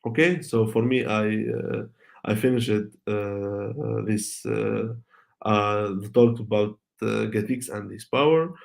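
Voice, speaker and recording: A man whose native language is Arabic presents an online tech talk as a conference speaker and takes questions, speaking haltingly with many fillers and restarts. His voice is lowish and creaky.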